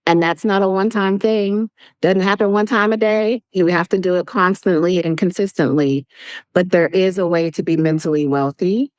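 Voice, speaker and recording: A woman speaking as an interview guest, an animated storyteller who acts out quoted voices and laughs often. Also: on the low side, normal speed, no room sound, poor audio. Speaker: guest, public speaker and coach. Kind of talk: podcast interview conversation.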